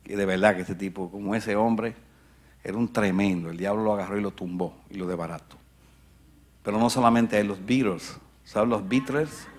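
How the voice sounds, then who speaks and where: A male pastor preaching a sermon to his congregation, swinging from shouts to near whispers and asking the crowd questions along the way. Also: on the low side, fairly quick. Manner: conversational asides to the congregation. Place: church.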